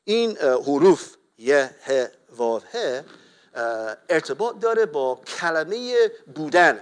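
A man preaching a sermon, earnestly explaining scripture and calling his listeners beloved. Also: fairly high pitch. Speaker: pastor.

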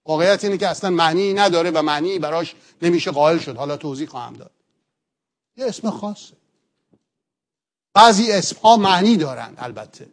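High-voiced man teaching a sermon. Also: lively intonation, long pauses. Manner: earnest teaching, explains step by step with rhetorical questions. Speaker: pastor.

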